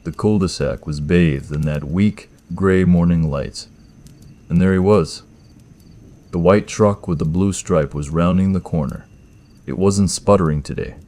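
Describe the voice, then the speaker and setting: A man narrating a first-person horror story in a tense, measured scripted style. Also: low voice, mellow.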